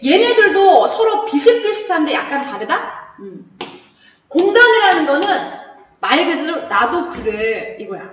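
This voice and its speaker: A woman with a high-sitting, fairly bright voice teaches a literature class in a chatty lecturing style. She laughs often and checks that her students are following. The audio has the echo of a hall and a distant mic.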